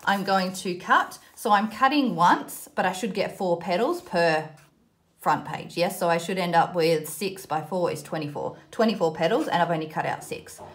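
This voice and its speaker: This children's craft video host is an Australian woman with a fairly low, expressive voice at a moderate pace. She gives a casual tutorial, chatting informally and poking fun at herself as she thinks aloud while working.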